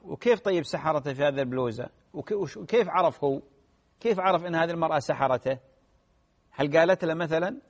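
A man, a sheikh answering listeners' religious questions in a gentle advisory way. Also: fairly high pitch, long reverb tail. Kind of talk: radio religious Q&A.

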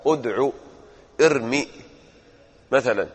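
A man's voice: mid-range voice, takes it slowly, husky, big-room sound. A male grammar teacher, drilling verb forms and quizzing his students in a classroom lesson.

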